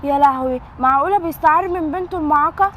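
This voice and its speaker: A woman's voice: sits high, rapid-fire, slight background noise, lightly acted. A woman with an Egyptian Arabic accent playing a caring, outspoken friend who coaxes and questions earnestly. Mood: coaxing.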